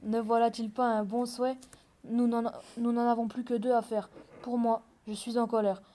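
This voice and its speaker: A woman reading the part of a peasant husband in a fairy tale, in a flat, even way. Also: medium pitch, brisk, close to an everyday voice. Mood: angry. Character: hot-tempered peasant husband, middle-aged man. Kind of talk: read-aloud fairy tale dialogue.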